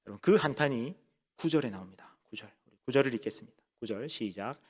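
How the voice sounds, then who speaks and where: A male pastor preaching a sermon with emphasis, asking the congregation rhetorical questions and slowing down to lean into key phrases. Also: medium pitch, expressive, husky.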